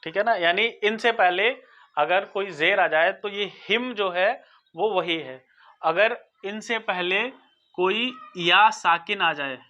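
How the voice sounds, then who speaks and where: A teacher giving a recorded lesson, explaining slowly and patiently, sounding out word forms and often checking that listeners follow. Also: mid-range voice, bright, forceful tone. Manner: patient, repeats and checks understanding. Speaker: Arabic grammar teacher. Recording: dull lo-fi recording.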